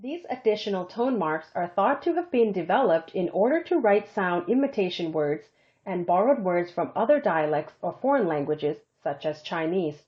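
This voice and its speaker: Lively-voiced woman narrating a lesson. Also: on the low side. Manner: slow, careful demonstration of tone examples. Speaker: language instructor. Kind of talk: scripted narration. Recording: dull lo-fi screencast audio.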